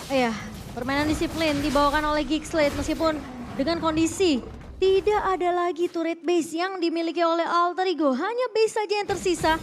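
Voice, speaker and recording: A woman's voice: extremely high pitch, brisk, slight background noise. A woman with an Indonesian accent giving live esports commentary and analysis in long, flowing, explanatory sentences.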